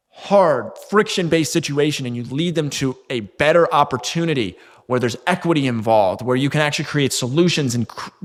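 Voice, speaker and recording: Man coaching in a reverberant room. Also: a little high. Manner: conversational, fillers like "you know", occasional restarts. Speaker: marketing coach. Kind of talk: casual instructional talk to camera.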